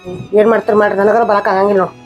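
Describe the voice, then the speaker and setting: Playing a furious wife who walked out on her husband, a woman with a North Karnataka Kannada accent argues and scolds very fast in a village comedy skit, her performance lightly acted. Her medium-pitched voice has little pitch movement and a slightly mellow tone, with the highs cut off and faint music behind.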